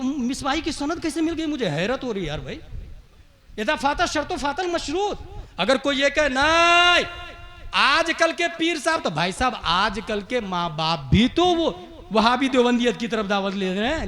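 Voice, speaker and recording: A male Islamic preacher giving a fiery sermon at a conference, building rhythmic repeated lines to shouted peaks, then dropping into quick conversational asides. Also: very high-pitched.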